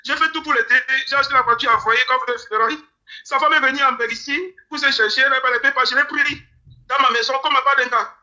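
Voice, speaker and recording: A man's voice: very high voice, steady tone, fast, sharp tone. A man from Cameroon giving a grieving, pleading interview, often repeating his words. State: grieving, near tears. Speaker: interview guest. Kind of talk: emotional interview testimony.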